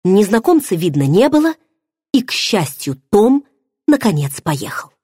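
A woman's voice: mid-range voice, very animated, measured pace, mellow, slightly rough, dry recording, studio quality. A woman narrating an audiobook in the first person, telling the story expressively. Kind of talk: scripted narration.

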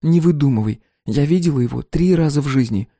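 A man voicing a tired, principled young woman who talks in a sharp, defensive way. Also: fairly high pitch, animated, brisk, dry recording, studio quality, voice pushed up. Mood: irritated.

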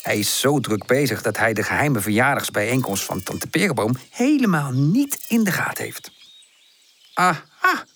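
A man reading a children's picture-book story aloud, lively and expressive. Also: normal speed, few pauses. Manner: lively, expressive, shifts pitch for each animal character. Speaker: audiobook narrator.

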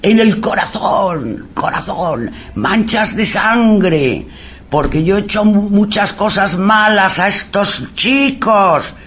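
A woman voicing the ghost of a heavy, guilt-ridden male priest who laments in a slow, drawn-out way. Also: medium pitch, lively intonation, fairly bright tone, voice pushed up. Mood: anguished.

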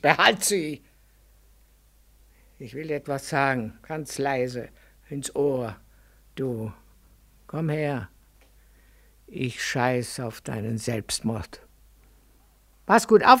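A woman's voice: sits low, unhurried, a bit bright. An actress playing a river personified as a blunt, coarse old woman in a 1940s radio drama, scolding and mocking a young man. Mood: gruff scolding. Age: older.

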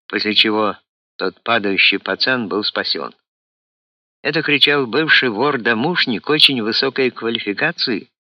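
A man voicing a shrewd middle-aged security officer who needles and questions his friends quietly. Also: mid-range voice, dry recording, highs cut off, natural voice.

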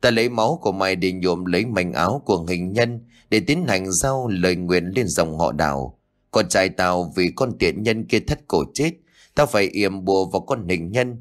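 A man's voice: low-pitched, expressive, moderate pace. A man voicing a cruel old female sorcerer in an audiobook, cold and menacing, coaxing one moment and wrathful the next. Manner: menacing, cajoling then wrathful. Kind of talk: audiobook character voice.

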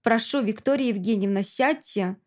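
A woman reading an audiobook, voicing a calm, dutiful male driver who speaks in a level tone. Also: on the high side, normal speed, lightly acted. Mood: firm.

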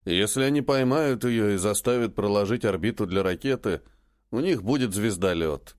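A man voicing a serious, practical male rebel who speaks in a sober, deliberate way. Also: fairly low pitch, no echo, studio quality, voice pushed down, close to an everyday voice.

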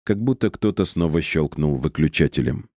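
Deep-voiced male audiobook narrator. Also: expressive, moderate pace, mellow, no echo, studio quality.

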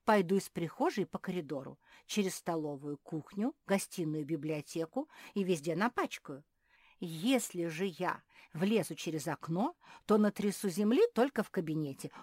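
A woman voicing a fussy, breathless mother hedgehog in a children's audiobook, with an excited, flustered manner. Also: fairly low pitch, normal speed, slightly rough, no room sound, studio quality.

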